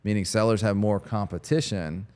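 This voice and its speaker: Male host, low-ish voice, upbeat and rambling, casual talk out on a golf course. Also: steady tone, normal speed, a little mellow, clean tone. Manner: upbeat, laughs easily, rambling explanations. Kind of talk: casual chat.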